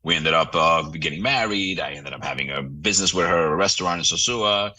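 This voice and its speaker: Man, very deep voice, rapid talk, bright tone, husky, heard from a distance. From Romania. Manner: fast-talking, opinionated. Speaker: real estate broker, guest. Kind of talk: casual interview talk.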